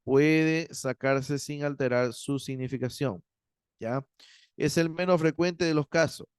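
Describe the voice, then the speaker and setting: A man teaching a Greek grammar class, explaining patiently and checking in with his students, slowing down to spell out word endings. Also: a little high, smooth, dry recording, clean studio sound. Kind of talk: university Greek grammar lecture.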